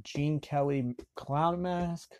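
A man giving casual film commentary, rambling and halting, often restarting mid-sentence. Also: fairly high pitch, fairly even intonation, darkish tone.

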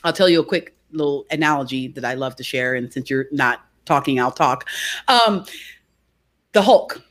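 A woman speaking as a guest in an interview, a behavior coach who explains her ideas through lively stories and keeps asking "right?". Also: very deep voice, normal speed. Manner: animated storyteller, frequent "right?". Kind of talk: conversational interview.

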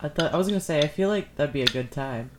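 A woman's voice: low-pitched, expressive, fast talker, slight background noise. A young woman joking around in loose, slangy casual chat with friends. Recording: very echoey room, crowd chatter.

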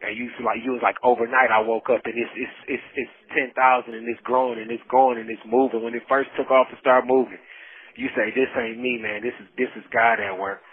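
Husky and mid-pitched, this man talks a little fast with a flat delivery. He is an incarcerated storyteller offering heartfelt testimony about his faith in casual vernacular, often repeating himself, heard over a muffled, band-limited prison phone line.

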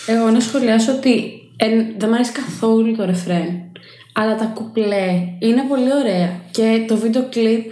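A woman's voice: on the high side, warm tone. A woman chatting casually with friends, blunt in her opinions. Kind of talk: casual group chat. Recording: echoey room with chatter behind.

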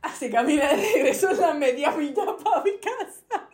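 A woman's voice: sits high, moderate pace, echoey room. A woman with a Puerto Rican accent, co-hosting a casual chat and telling stories with acted-out quotes. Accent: Puerto Rican Spanish. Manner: animated storyteller, acts out quotes. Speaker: podcast co-host.

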